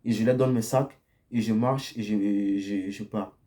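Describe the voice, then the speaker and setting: A young man from Côte d'Ivoire gives blunt dating advice in a casual monologue, speaking unhurriedly in a lowish, warm voice with fairly even intonation. He's direct, repeats himself, and keeps tagging sentences with a questioning "ok?"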